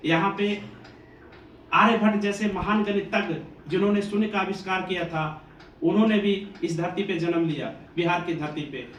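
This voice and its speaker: A man's voice: high-pitched, fairly bright tone. A man from Bihar who runs a coaching institute, giving an earnest, devotional motivational address to students. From Bihar, India. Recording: echoey room, distant mic, faint ambient noise.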